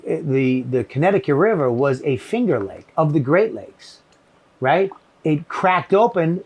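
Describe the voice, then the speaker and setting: A man with a Boston accent, rambling and swearing as he chats casually about cigars, often groping for words. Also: a little high. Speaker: podcast host, comedian. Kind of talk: casual chat. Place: shed with cigars.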